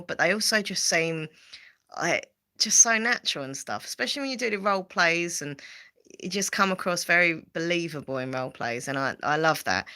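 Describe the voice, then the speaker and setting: Essex woman host, low and bright-toned, rambling casual chat, lots of fillers. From Southend, England. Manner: rambling and chatty, with frequent fillers and repeats. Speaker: livestream host.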